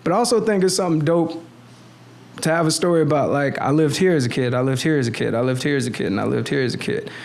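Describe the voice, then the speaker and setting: A man in his thirties, appearing as a guest, talks casually in a somewhat high, creaky, slightly mellow voice and speaks fast. His speech is slangy and rambling, full of restarts and "you know what I'm saying."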